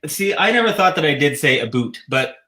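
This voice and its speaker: A man's voice: on the high side, very animated, fairly quick, bright, forceful tone. A Canadian man with a slight lisp, hosting a casual livestream chat and rambling with frequent chuckles. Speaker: host.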